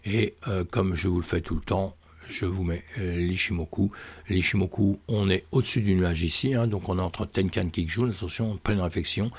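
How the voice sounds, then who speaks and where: A crypto trading channel host with a deep, husky voice casually walks viewers through charts at a normal speed, his intonation fairly even. He thinks aloud with plenty of fillers and friendly asides, tossing in "hein" and "mes amis," while his voice cracks and he coughs.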